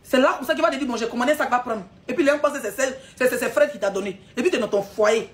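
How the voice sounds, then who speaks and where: Woman, high pitch, scolding live-stream rant with mocking laughter. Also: very fast.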